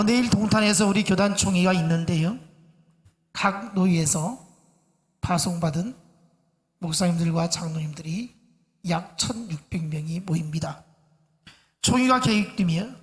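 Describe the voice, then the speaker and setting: A male pastor preaching a sermon to his congregation, in a slow, measured way with many pauses. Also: sits high. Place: church sanctuary. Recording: church hall reverb.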